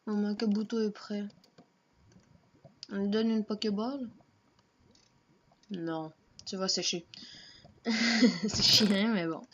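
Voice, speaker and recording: A woman's voice: medium pitch, steady tone, slow pace, pauses often, fairly bright tone. A woman giving casual, offhand commentary while playing a game, muttering her moves to herself. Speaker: let's play gamer. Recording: dull lo-fi home mic with faint noise.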